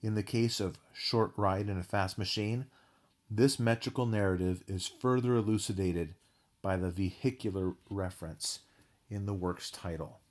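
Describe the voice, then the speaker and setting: A man with a fairly low voice walks through a music analysis in a recorded lecture. He speaks in a measured, academic way and drops in an occasional filler. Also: darkish tone.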